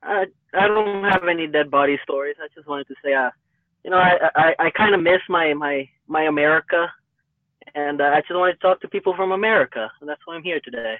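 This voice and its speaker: A man calling in hands-free from his car in traffic, his voice muffled and underwater-sounding over the phone, talking haltingly and repeating words. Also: fairly high pitch, dry recording. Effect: muffled underwater-sounding phone line. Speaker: caller. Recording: tinny dry phone line.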